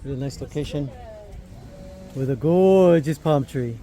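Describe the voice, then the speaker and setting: A man's voice: mid-range voice, measured pace, mellow. A man vlogging as he walks along a beach outdoors, upbeat and cracking jokes. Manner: upbeat, joking asides. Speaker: travel vlogger. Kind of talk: casual walking tour narration. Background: music.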